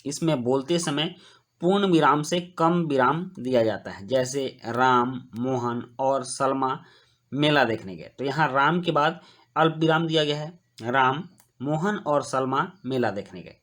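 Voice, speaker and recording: A man teaching a grammar lesson to young schoolchildren, explaining slowly and clearly and reading example sentences aloud. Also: a little high, a bit bright. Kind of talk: Hindi grammar lesson for children.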